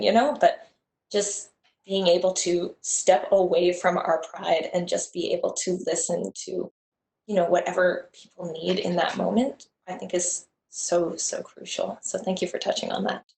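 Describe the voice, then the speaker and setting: A young woman hosts a virtual panel in a soft, casual voice. She affirms warmly and reads questions out plainly. Her voice sits a little low, and the call audio sounds echoey. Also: creaky. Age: young adult. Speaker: moderator. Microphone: video call.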